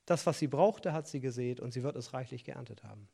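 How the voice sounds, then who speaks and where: A man's voice: medium pitch, brisk, vocal fry, mellow, husky. A middle-aged man preaching a sermon, earnest and insistent, with joking asides and restarts. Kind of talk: sermon on tithing and offerings.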